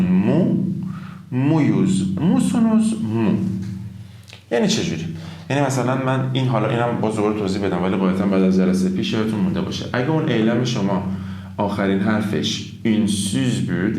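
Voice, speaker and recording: A man gives a relaxed, improvised language lesson and keeps asking his listeners to repeat after him. His voice sits low. The room around him rings with a clear echo. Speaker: Turkish teacher. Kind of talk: casual classroom lesson. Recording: roomy echo.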